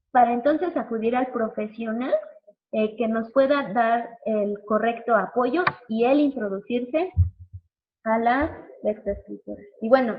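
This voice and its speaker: Woman educator, informal lecture, a touch high, chatty and repetitive, lo-fi recording. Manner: chatty, repeats words for emphasis, frequent filler "sale". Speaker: early childhood educator giving a talk. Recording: slightly dull lo-fi recording.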